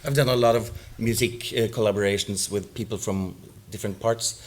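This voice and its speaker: A man's voice: on the low side, steady tone, a little fast, a little hiss or hum. A man, a musician on a seminar panel, musing aloud in a conversational way.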